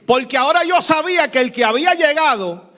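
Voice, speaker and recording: A man preaching his testimony as a pastor, with a Puerto Rican accent, growing fervent and breaking into shouts. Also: very high-pitched, animated, brisk. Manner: addresses listeners as "mi amado" and "iglesia".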